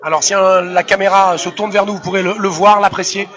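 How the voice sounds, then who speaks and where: High-voiced man commentating over a crowd. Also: fairly even intonation, fairly quick. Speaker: fight commentator. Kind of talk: casual, chatty live sports commentary. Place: live fight venue. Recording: loud crowd behind commentary.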